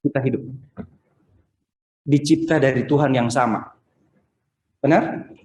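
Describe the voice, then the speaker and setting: A man preaching a Sunday sermon in a conversational, animated way, acting out the people he quotes. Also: medium pitch, a little slow, echoey room. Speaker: pastor. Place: church service streamed over video call.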